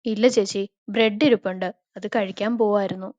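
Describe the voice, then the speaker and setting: A woman's voice: medium pitch, steady tone, brisk, no echo, close to an everyday voice. A woman voicing a lonely young woman who sulks and pouts like a child, on a slightly dull, dry recording. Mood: shy. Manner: soft, sulky and childlike.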